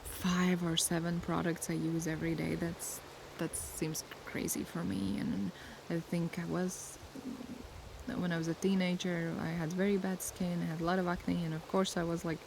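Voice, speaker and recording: This young Latvian woman, a native Latvian speaker who creates ASMR, talks softly in a casual Q&A chat, slow and thoughtful as she looks for words. Her lowish voice stays even and flat with a gravelly fry, and steady waves are heard behind her outdoors.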